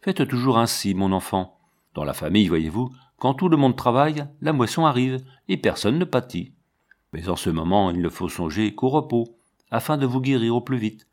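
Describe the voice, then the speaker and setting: A man voicing a kindly, fatherly sailor captain in a storybook reading, calm and reassuring. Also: medium pitch, normal speed, close to an everyday voice. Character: kindly middle-aged male sailor captain.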